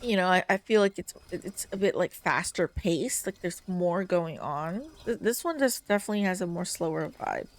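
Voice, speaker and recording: A woman's voice: lowish voice, lively intonation, moderate pace, hardly any pauses. Tired, rambling young woman streamer. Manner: chatty, rambling with many fillers. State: tired, yawning. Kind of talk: casual let's-play commentary. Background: game music.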